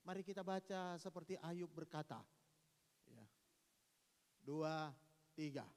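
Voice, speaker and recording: A man preaching a sermon as pastor, with an East Javanese accent and a lively manner, mimicking gossiping friends. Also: fairly high pitch, takes it slowly. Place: church hall. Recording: long reverb of a church hall.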